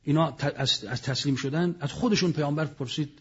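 A man's voice: a little high, a bit bright, slightly rough, dull audio. A man giving a religious lecture, telling history with dramatic storytelling and sudden raised outbursts. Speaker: preacher.

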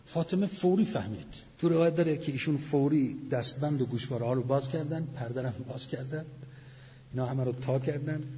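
A man's voice: mid-range voice, darkish tone. A man giving a religious lecture, retelling scenes with quoted dialogue and Arabic citations. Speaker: preacher. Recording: lo-fi recording with long hall reverb and faint noise.

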